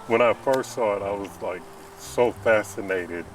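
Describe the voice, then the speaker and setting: A man's voice: fairly low pitch, a little slow, far from the mic, a little hiss or hum, rough recording. A man hosting an interview, encouraging his guest with short affirmations and laughs. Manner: warm, encouraging, many "mm-hmm" and laughs. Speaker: interview host. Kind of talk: casual interview chat.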